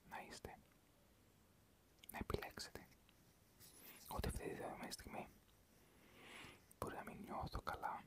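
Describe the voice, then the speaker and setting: An ASMR creator whispering a rambling, gentle chat to viewers, mixing calming affirmations with everyday stories.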